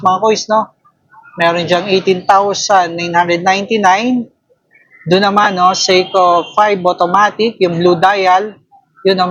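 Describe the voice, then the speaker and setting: A man with a Filipino accent casually narrating a walk through a watch store, slow and relaxed, often ending lines with "no?". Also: sits high, slightly rough, low-quality recording. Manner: slow, relaxed, filler-heavy, tags lines with "no?". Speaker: vlogger touring a watch shop.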